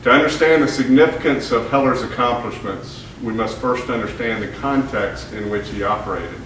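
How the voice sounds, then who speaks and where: A man giving a public history lecture, starting with halting, filler-laden anecdotes before moving into reading a prepared text. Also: mid-range voice. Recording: echoey hall, distant mic, faint noise.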